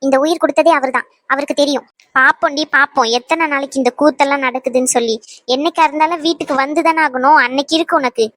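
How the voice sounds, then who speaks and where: A woman playing a defiant young woman who breaks with her family, scolding fast and then turning tender. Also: high voice, fairly bright tone, no echo. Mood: angry. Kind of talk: amateur web drama acting.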